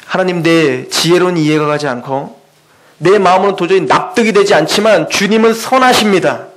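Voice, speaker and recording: A male pastor preaches with a very high, ringing voice. His delivery is impassioned, swinging between loud urgent lines and hushed, earnest stretches. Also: fairly quick, poor audio. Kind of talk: sermon.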